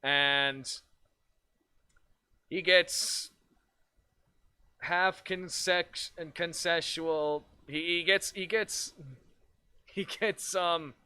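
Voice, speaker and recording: A man chatting on a livestream in a bright, forceful voice pitched a little high. He talks unhurriedly, rambles through restarts, curses freely and keeps breaking into laughter. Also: fairly even intonation, very slow, pauses often, smooth. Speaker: virtual streamer. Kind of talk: casual livestream chat.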